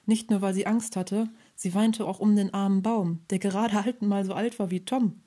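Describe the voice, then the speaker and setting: A woman calmly reading a children's Christmas story aloud in a gentle storybook manner, with a husky voice. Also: mid-range voice, moderate pace.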